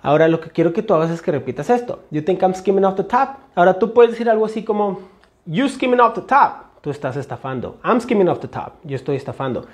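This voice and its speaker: Un hombre con acento mexicano que enseña inglés y explica fonética con ejemplos repetidos, dirigiéndose a su clase como «señores». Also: male voice, high voice, lively intonation, quick pace. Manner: explanatory, repeats examples, addresses class as señores. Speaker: English teacher. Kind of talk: phonetics lesson.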